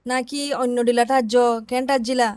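A woman's voice: a little high, little pitch movement, a little fast, dry recording, studio quality. A woman who is a native Rohingya speaker, interviewing someone as a radio host.

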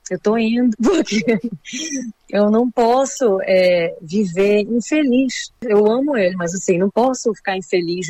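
A Brazilian woman, a returning immigrant, speaks in a casual conversational interview with a warm, medium-pitched voice and no room sound. She sounds reflective and emotional, using many fillers like "assim" and "sabe".

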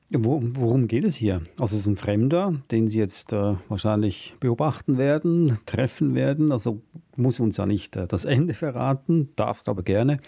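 A man with a low, mellow and slightly husky voice hosts a book talk in an easy, chatty way. He stumbles through fillers and restarts. The sound is dry and close. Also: no room sound. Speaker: radio book show host.

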